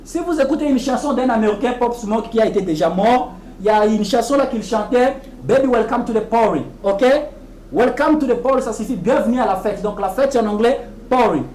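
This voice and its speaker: A woman giving a televised English lesson, explaining patiently and repeating each English phrase slowly and deliberately. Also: fairly high pitch, dark tone, echoey room, slight background noise, rough recording. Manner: explains patiently, often checking with "ok?". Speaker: English teacher.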